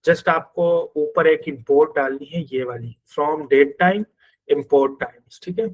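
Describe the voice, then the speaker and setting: Man teaching coding, fairly high voice. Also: slow, slight background noise, low-quality recording. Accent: Pakistani Urdu. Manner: explains step by step, thinks aloud while coding. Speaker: programming teacher. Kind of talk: screen-share coding class.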